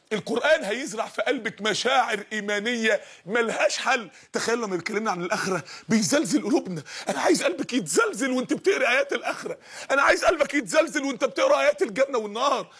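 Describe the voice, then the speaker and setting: An Egyptian man delivering an impassioned sermon, dramatic and pleading, building to shouts. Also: extremely high pitch, breathy edge. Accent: Egyptian Arabic. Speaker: preacher.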